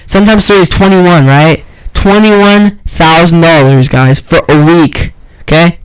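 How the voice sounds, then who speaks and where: A man's voice: on the high side, measured pace, clean tone, low-quality recording. A man co-hosting a casual podcast, rambling with lots of fillers and slang. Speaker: podcast co-host. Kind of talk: casual chat.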